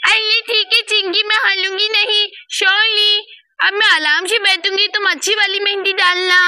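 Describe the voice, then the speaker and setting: A woman's voice: very high voice, flat delivery, moderate pace, pushed and bright, slight background noise, heavily acted. A woman voicing a vain, demanding young girl doll in a doll play-acted story. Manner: whiny, demanding.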